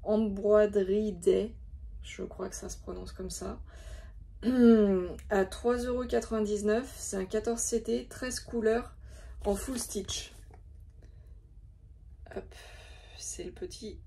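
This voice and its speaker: Taking it slowly with long pauses, a woman vlogger presents her craft supplies in a hesitant, filler-heavy chat. Her mid-range voice is dark, gravelly and husky.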